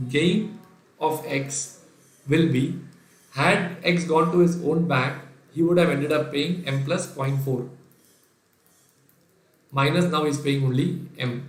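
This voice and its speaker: The audio is poor and roomy as a slightly high-voiced man gives a live online finance revision lecture. Originally from Kerala, he has an Indian English accent and Sindhi as his first language, and he walks through the working step by step while naming viewers and answering them.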